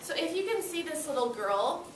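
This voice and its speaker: Speaking at a moderate pace in a very high, very animated voice, a young elementary teacher reads to young children indoors and encourages them with brief, simple directions. The distant camera captures heavy room noise and classroom echo.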